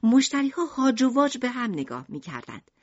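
Woman narrator, husky, lively delivery, dry slightly lo-fi sound. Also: on the high side, no room sound. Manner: expressive storytelling. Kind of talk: audiobook narration.

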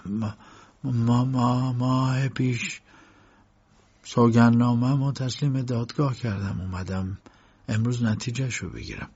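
A man's voice: medium pitch, expressive, dark tone, husky. A man reading an audiobook and voicing a cowed, nervous middle-aged man who stammers and then drops to a weak whisper. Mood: stammering. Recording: dull lo-fi recording.

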